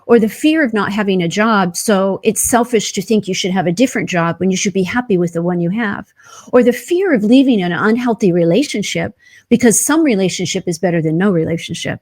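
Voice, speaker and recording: Woman podcast guest, mid-pitched, earnest coaching delivery, leans on rhetorical questions. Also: expressive, fairly quick, darkish tone. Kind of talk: conversational interview.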